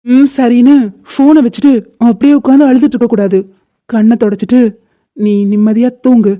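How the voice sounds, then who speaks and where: Cartoon lead: a woman playing a confident young boyfriend, brusque but reassuring, fairly high voice, lo-fi audio. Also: fairly even intonation, normal speed, natural voice. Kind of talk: cartoon drama dubbing. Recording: dull lo-fi audio.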